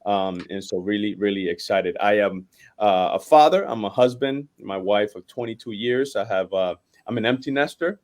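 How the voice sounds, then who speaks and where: A man in his forties from Puerto Rico, a pastor, introducing himself in a halting way with many fillers and restarts. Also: on the low side. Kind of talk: casual guest introduction.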